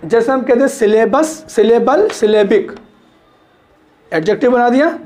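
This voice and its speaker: A man's voice: extremely high pitch, animated, a little slow, darkish tone. A man teaching literature in a classroom lecture, repeating points, checking understanding and stretching words to show stress.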